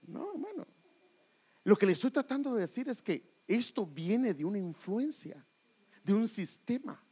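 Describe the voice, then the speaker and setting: A man's voice: high-pitched, animated, normal speed, warm tone, slightly rough. A man preaching a sermon, acting out voices and calling listeners brother. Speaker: pastor.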